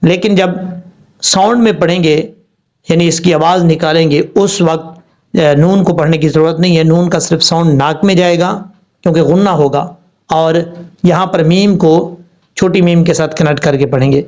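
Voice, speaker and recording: A man with a fairly high voice teaches recitation rules patiently, breaking each word into slow spelled-out syllables. The recording sounds dull and lo-fi. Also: darkish tone. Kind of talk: tajweed lesson.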